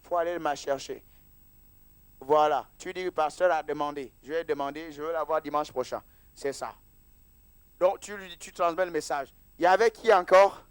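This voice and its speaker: A man's voice: a little high, moderate pace, clean tone, no echo. A man preaching as pastor at a church service, casual and teasing, mixing sermon with banter with the congregation.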